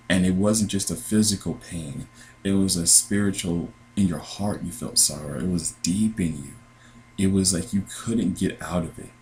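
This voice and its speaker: A man in his twenties with an American accent, earnestly recounting a dream in halting sentences with frequent restarts. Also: low voice, a little mellow, slight background noise, low-quality recording. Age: 20s. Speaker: dream sharer. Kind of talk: personal testimony.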